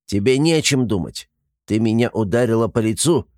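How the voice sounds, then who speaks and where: A man voicing a small, simple-hearted male creature who talks in an excitable, touchy way, reading an audiobook. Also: dry recording, clean studio sound, close to an everyday voice. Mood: offended. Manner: squeaky, excitable, quick to take offense.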